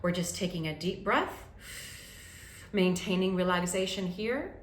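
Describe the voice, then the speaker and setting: Woman vocal coach running a warm-up, upbeat, keeps saying okay, echoey room w/ a little background hiss. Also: lowish voice, lively intonation, unhurried. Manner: encouraging, coaching with frequent "okay?" check-ins. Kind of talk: guided vocal warm-up lesson. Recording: roomy echo with faint ambient noise.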